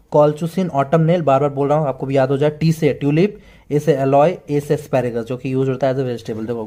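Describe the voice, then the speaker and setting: Mellow-voiced man drilling biology mnemonics. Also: a little high. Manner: repetitive, drilling mnemonics slowly. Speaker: biology tutor. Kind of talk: Hindi teaching with mnemonics.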